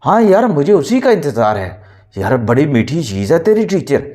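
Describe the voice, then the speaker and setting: A man's voice: a little high, big pitch swings, normal speed, a little mellow. A man voicing a mischievous male jinn friend who teases and needles in a sly manner. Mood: eager. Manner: sly, teasing.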